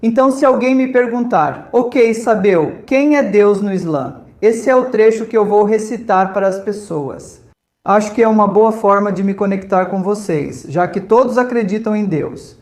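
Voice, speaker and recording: A man from India, serving as a volunteer host, gives visitors an informal, conversational talk and often checks in with them. His voice is high-pitched with a darkish tone, and he speaks at a normal speed.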